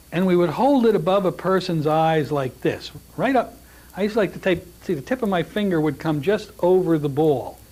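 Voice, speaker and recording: A middle-aged man with a slightly raised voice lectures a hypnosis class in a relaxed, joking way. He talks straight to the students, often restarting his sentences. The sound is from a plain classroom. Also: fairly high pitch, husky. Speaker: hypnosis instructor.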